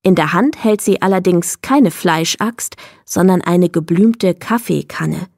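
A woman's voice: on the low side, unhurried, a little mellow, dry recording, studio quality. Woman narrating a children's audiobook. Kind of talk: children's book reading.

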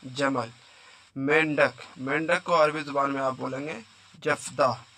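A man's voice: mid-range voice, fairly even intonation, measured pace, sharp tone. A man teaching a vocabulary lesson, repeating each word and quizzing the listener. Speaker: Arabic teacher.

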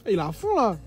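A young man in his twenties with a fairly high-pitched voice, vlogging casually in French street slang. He talks into a phone at arm's length, with music playing behind him. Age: 20s. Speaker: travel vlogger. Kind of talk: casual vlog chat.

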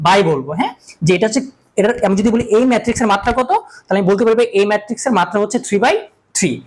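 A male math teacher talks quickly through a classroom lecture. He keeps asking questions and answering them himself, and he repeats key terms to drive them home. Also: high-pitched, lively intonation, low-quality recording.

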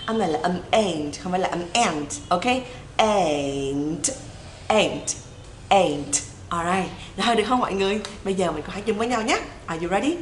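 A woman's voice: medium pitch, very fast, hardly any pauses, echoey room, slight background noise, low-quality recording. A young woman teaching English pronunciation on a livestream, chatty and repeating words to drill them. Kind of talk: livestream song lesson.

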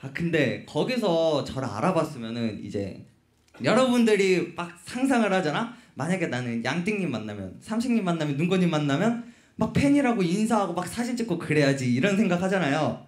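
Man, high voice, very lively, playful storyteller, live stage talk, echoey concert hall. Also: brisk. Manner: playful, animated storyteller who teases the crowd. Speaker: crew member hosting a fan talk show. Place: concert hall stage before about 300 fans.

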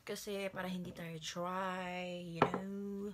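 A woman's voice: lowish voice, level tone, slow pace. A young woman with a Filipino accent chatting casually to her phone camera in a vlog, first in her bedroom and then in a car. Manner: chatty, laughing, trailing fillers. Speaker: vlogger. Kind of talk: casual vlog chat mixing Tagalog and English. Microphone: phone camera at arm's length. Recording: loud background noise.

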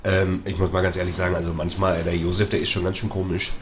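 Let's play host, male, jumpy and loud, swears and stammers, noisy background. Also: low-pitched, fast talker. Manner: excitable, shouting, swearing, stammers when tense.

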